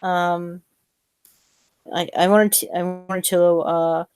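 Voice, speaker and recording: A woman hosting a casual podcast chat, talking with many pauses, fillers and restarts. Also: lowish voice, little pitch movement, a little mellow, smooth, no echo. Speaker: podcast host.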